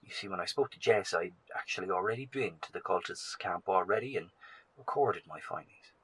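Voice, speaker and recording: A man performs a full character voice as a weary, anxious professor in a horror audio drama, addressing survivors through a recorded broadcast. He speaks gravely and hesitantly, yet briskly and animatedly, in a low, slightly bright voice. The mood is confiding and uneasy.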